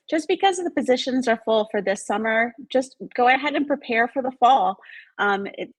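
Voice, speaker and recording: A woman's voice: on the high side, no echo, poor audio. A woman hosting an event, speaking informally as she moderates between presenters. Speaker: event host.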